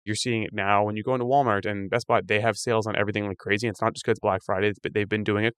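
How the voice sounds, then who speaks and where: Canadian guy cohosting a podcast, talks fast, smooth clear voice, dry sound. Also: on the low side, no echo. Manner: fast, animated, thinking aloud. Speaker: podcast co-host. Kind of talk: casual chat.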